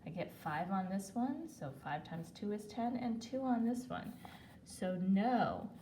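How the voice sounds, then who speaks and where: A woman's voice: mid-range voice, expressive, unhurried, mellow, slight background noise. A woman teacher walking students through math problems in a recorded video lesson, chatty and correcting herself as she writes. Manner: chatty, talks while writing, self-corrects. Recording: echoey room, voice a bit far from mic.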